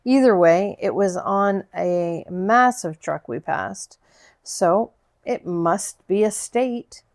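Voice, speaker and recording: Gentle woman reading a novel aloud. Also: medium pitch. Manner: gentle, unhurried storytelling with small slips. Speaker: audiobook narrator.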